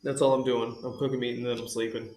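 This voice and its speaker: A man playing a tabletop role-playing game, joking around, swearing and breaking into loud outbursts. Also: medium pitch, flat delivery, fast talker. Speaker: player. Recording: roomy echo.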